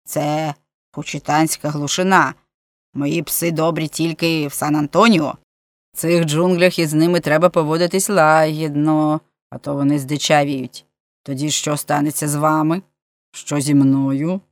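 A woman's voice: deep voice, little pitch movement, measured pace, no echo. A woman voicing a hot-tempered middle-aged police chief who gives orders in a threatening way. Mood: defensive. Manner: threatening, commanding.

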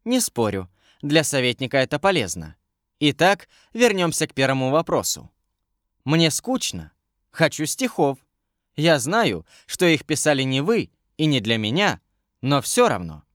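A man's voice: fairly high pitch, sing-song, unhurried, a bit bright, no echo, studio quality. A man reading an audiobook, voicing a curious, commanding young queen with a lightly raised voice. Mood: teasing.

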